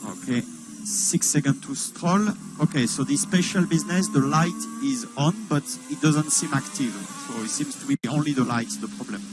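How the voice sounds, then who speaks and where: A man's voice: a little high, moderate pace. A man working as a race engineer, giving clipped, procedural instructions over race car team radio through a radio transmission. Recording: very noisy team radio, vehicle noise.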